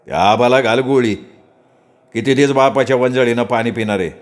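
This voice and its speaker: A man voicing a flashy, scheming young village rich man who speaks in a slow, coarse, coaxing drawl. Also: medium pitch, lightly acted.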